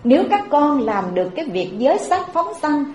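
A woman with a Southern Vietnamese accent voicing the Buddha as a calm male teacher, in a dull, echoey recording. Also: high voice, moderate pace, slight background noise, voice pushed up. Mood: solemn teaching. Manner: solemn, instructive.

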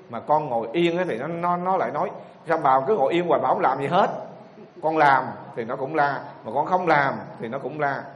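A worn-down elderly mother-in-law tells her sorrows plaintively, in a lilt, as a man reads her words in his own fairly high voice. The sound carries a long reverb from an echoey hall, with faint ambience behind it. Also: slight background noise, close to an everyday voice. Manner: plaintive first-person telling.

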